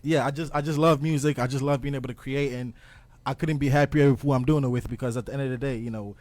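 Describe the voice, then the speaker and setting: A man's voice: mid-range voice, fairly even intonation, fast, darkish tone, no room sound. A young man from Ghana, a guest, talking earnestly and reflectively in a casual interview, with plenty of ums and restarts. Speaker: guest music producer.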